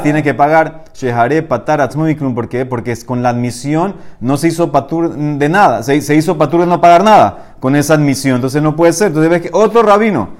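A man teaching a Talmud class, reading the Aramaic text aloud and then explaining it, growing louder and higher when he argues a point.

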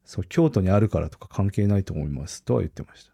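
A man in casual podcast chat whose low, warm voice swings up and down as he tells stories. He laughs often and keeps the talk animated. The sound is dry and close. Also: fast talker, vocal fry, breathy edge, no echo. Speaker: podcast co-host.

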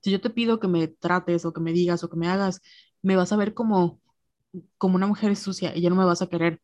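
A woman's voice: fairly low pitch, steady tone, a little fast, darkish tone, no room sound. A young woman in casual chat, blunt and acting out the people she quotes.

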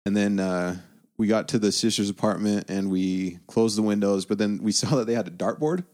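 A man's voice: fairly low pitch, a little fast, darkish tone. A young man casually telling stories about his mission, laughing often as he talks. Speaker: guest. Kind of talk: casual storytelling.

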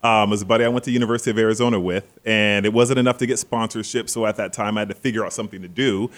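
A man in his thirties from Seattle, a guest talking casually about his business in a relaxed, rambling way. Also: on the low side, rapid-fire. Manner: relaxed, rambling storyteller, laughs easily. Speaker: guest, social media agency owner. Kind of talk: casual chat.

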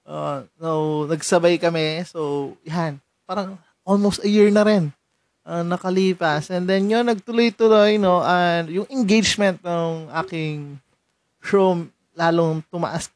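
A man's voice: high-pitched, measured pace, no echo. A young man from Rizal in the Philippines, hosting his own podcast in casual chat, laughing often and mixing in English. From San Mateo, Rizal, Philippines. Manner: chatty, laughs often, switches between Tagalog and English. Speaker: podcast host.

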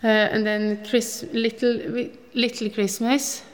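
A woman in her fifties from Norway speaks slowly in a level, somewhat high voice. In a casual interview she recounts stories in a rambling, talkative manner, her Norwegian accent evident, with plenty of restarts and laughs.

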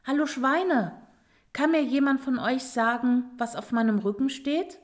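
Woman doing a storybook turtle, impatient, vain, indignant, higher voice, slow. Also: animated. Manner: insistent, indignant calls. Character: impatient vain female turtle with golden shell.

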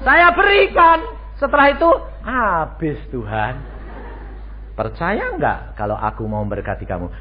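A man's voice: fairly high pitch, measured pace. A male pastor, preaching a sermon and acting out voices as he tells stories. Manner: animated storytelling, acting out dialogue voices. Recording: dull lo-fi radio stream with faint noise.

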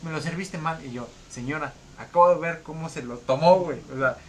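A man's voice: a little high, brisk, fairly bright tone, a little hiss or hum. A man with a Mexican Spanish accent hosting a podcast, telling slangy work stories and acting out the people in them. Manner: slangy storytelling, acts out voices in anecdotes. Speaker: podcast host. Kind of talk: casual chat.

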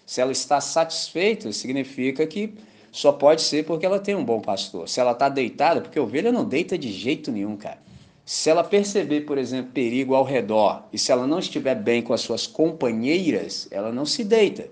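Brazilian guy preaching in church, chatty and slangy, mid pitch, keeps checking u follow. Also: brisk. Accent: Brazilian Portuguese. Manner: conversational, keeps asking "entendeu?"; slangy and animated. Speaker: pastor. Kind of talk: sermon. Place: church service.

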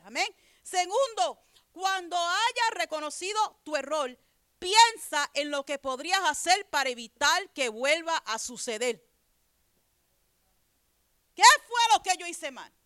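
A woman preaches a sermon conversationally, reading scripture aloud before explaining it and often checking in with listeners by asking "¿verdad?" again and again. Her voice sits high with a fairly bright tone, in a dry, clean studio recording.

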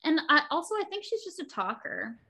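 A woman's voice: high voice, sing-song, a little fast, bright, forceful tone. A woman co-hosting a casual podcast in a gushing, slangy manner, peppering her talk with "like". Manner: gushing, slangy, heavy use of "like". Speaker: podcast co-host.

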